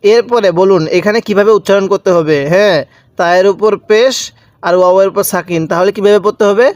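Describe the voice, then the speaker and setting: A man with a fairly high voice leads a patient recitation lesson, stretching each syllable and repeating letter sounds so the listener can follow along. His voice sounds close and dry, with no room around it. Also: brisk, dry recording. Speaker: Quran reading teacher.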